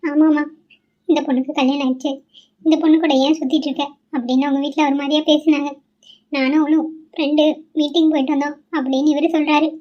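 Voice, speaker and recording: Cartoon: high-pitched, tearful young newlywed wife, voiced by a woman, with a mellow, pleading tone. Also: level tone, fast, lo-fi sound, close to an everyday voice. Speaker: cartoon character voice. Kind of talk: cartoon voice acting.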